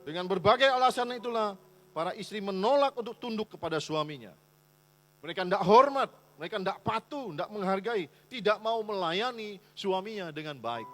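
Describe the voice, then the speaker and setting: A man's voice: sits high, lively intonation, normal speed. A male pastor preaching a sermon in a church, with an emphatic manner. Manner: emphatic preaching, voicing complaining wives in quotes.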